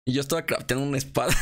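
Excitable young Mexican gamer laughing along. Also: male voice, mid-range voice, a little hiss or hum. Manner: excitable, laughs often, slangy. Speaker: gaming video creator. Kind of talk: casual gameplay commentary.

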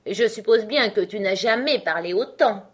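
A woman voicing the mad male Hatter in a storybook reading, speaking high, loud and scornful. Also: very animated, moderate pace. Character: mad male Hatter, rude, fussy and contrary.

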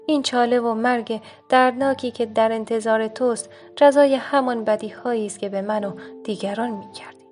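A woman's voice: on the high side, steady tone, few pauses, a little mellow, soft background music, lightly acted. A woman voicing a sly, scornful fox in a told folk tale, speaking in a mocking, reproachful way.

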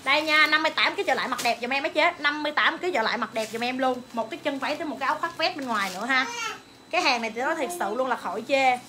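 A young woman, hawking clothes on a livestream with rapid, excited calls to viewers and her staff. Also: high voice, noisy background. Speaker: online clothing seller. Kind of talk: livestream sales pitch.

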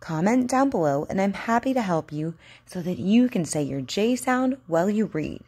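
A woman's voice: medium pitch, expressive, normal speed, darkish tone, breathy edge. A woman speaking as a speech therapist, giving encouraging instruction and carefully enunciated read-aloud practice.

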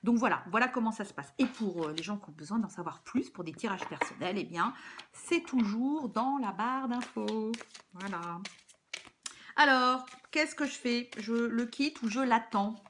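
Voyante française au ton bavard et détendu. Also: female voice, a little high, expressive, moderate pace, background noise. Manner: chatty, many fillers and restarts. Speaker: tarot card reader. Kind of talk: casual spoken card reading.

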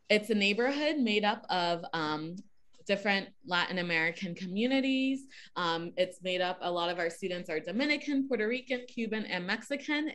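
A woman's voice: mid-range voice, fairly bright tone. Woman, thirties, from New Jersey, music teacher, online workshop, friendly, video call sound. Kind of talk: online professional development presentation.

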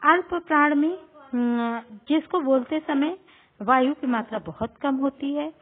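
A woman teaching a school grammar lesson, explaining terms slowly, repeating them and pausing on drawn-out fillers. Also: sits high. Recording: tinny phone-like recording.

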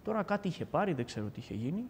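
A man with a fairly high voice tells a personal testimony in a casual, animated way. He acts out the back-and-forth of his story. His voice rings out with a long hall reverb. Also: husky. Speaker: guest giving a testimony.

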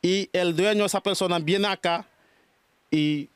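A man's voice: high voice, fairly even intonation, measured pace, clean tone, no echo. A Dominican man with a Dominican Spanish accent, answering interview questions about his spiritual work and calling people mijo. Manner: calls people mijo and mija, repeats blessings. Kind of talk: casual interview.

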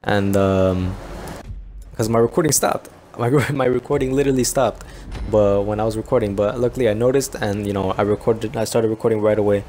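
A young man giving casual, rambling commentary over a video game, chatting to viewers and breaking into excited yelps and laughs. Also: on the low side, fairly quick, slight background noise. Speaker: gaming YouTuber.

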